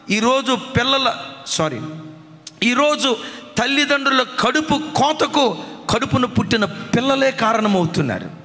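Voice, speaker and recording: A man's voice: very high voice, pushed and bright. A man with a Telugu accent preaching a sermon with passion, often acting out the words of a weeping mother. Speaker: pastor. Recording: long hall reverb from a church.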